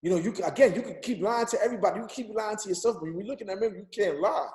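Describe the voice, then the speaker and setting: A man's voice: high-pitched, racing, darkish tone. Guy in his 30s preaching motivation on a call, repeats himself for emphasis, echoey room. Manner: emphatic, repetitive, preacher-like exhortation. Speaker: motivational speaker. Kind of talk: motivational talk on a group call.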